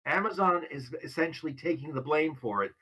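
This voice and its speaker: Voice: mid-range voice, fairly quick, bright, forceful tone, slightly rough. A podcast co-host giving blunt, emphatic opinions in casual chat.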